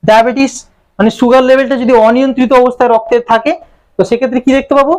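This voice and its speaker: A man's voice: extremely high pitch, flat delivery, rapid-fire, darkish tone. A man lecturing on medicine in a classroom style, with a Bengali accent, who asks questions and then answers them himself. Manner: explains terms, asks and answers own questions.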